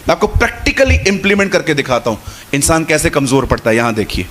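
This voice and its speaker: A man's voice: fairly high pitch, big pitch swings, fairly quick, fairly bright tone, a little hiss or hum. A man preaching a sermon to a congregation in a conversational way, repeating phrases and acting out little dialogues. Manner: conversational Hindi preaching with repetition and quoted dialogue.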